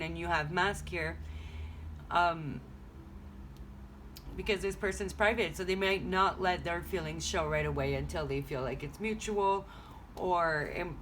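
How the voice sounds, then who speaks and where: Recording at home, a woman who grew up speaking French does an informal tarot reading for her vlog, chatting and rambling as ideas come to her. The voice is lowish and a bit bright, with slight background noise.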